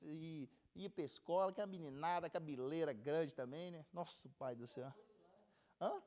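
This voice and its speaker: A man's voice: fairly high pitch, normal speed, darkish tone. A man with a Brazilian Portuguese accent teaching a casual Bible class, chatty and joking as he goes. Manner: chatty, jokes and laughs while teaching.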